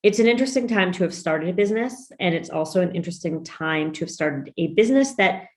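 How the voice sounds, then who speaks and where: A woman's voice: lowish voice, expressive, fast talker. A woman hosting a business podcast interview, upbeat and emphatic, now and then saying "y'all". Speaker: podcast host and business coach.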